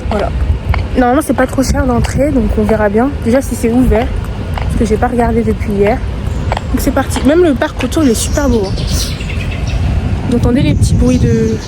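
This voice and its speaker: A young woman in her twenties chats into her phone camera as she walks outdoors, her voice sitting a little high. She keeps up easy commentary for her viewers and drops self-conscious asides along the way. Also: brisk, pauses often, background noise. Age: 20s. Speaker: travel vlogger. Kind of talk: casual solo travel vlog. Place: outdoors, walking through parks and streets.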